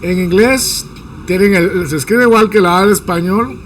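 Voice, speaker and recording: A man teaching English pronunciation in a casual, joking lesson, drawing out each sound slowly to demonstrate it. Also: high voice, a little hiss or hum, poor audio. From Guatemala. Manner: slow, drawn-out demonstration of sounds, playful jokes.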